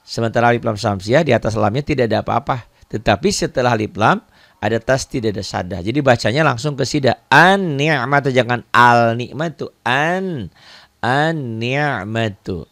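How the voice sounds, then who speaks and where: A man with an Indonesian accent teaches beginners how to read the Quran, going over each point again and again in a patient way. His voice sits at a middle pitch, and it is recorded dry, close to the mic. He often stops to point at an example on the page. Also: fast, vocal fry, dry recording. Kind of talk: online recitation lesson.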